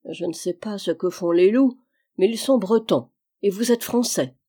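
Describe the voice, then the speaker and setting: A woman's voice: medium pitch, moderate pace, mellow, close to an everyday voice. A woman reading the part of an old, devoted male valet from Brittany in an audiobook, earnest and loyal in manner.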